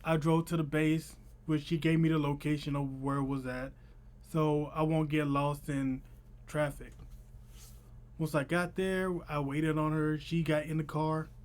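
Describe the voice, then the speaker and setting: Young male vlogger, voice a bit high, slushy sh-like lisp, casual slangy storytelling. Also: level tone, a little slow, a little mellow. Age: young adult. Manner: informal, chatty, slangy delivery. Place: small room at home.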